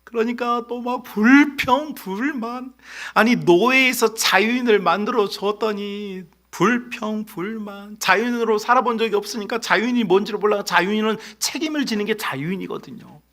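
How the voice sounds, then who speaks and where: A middle-aged man preaching a sermon as pastor, telling a story with lively acted-out voices. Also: high-pitched, normal speed. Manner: animated storytelling, acts out voices. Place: church sanctuary.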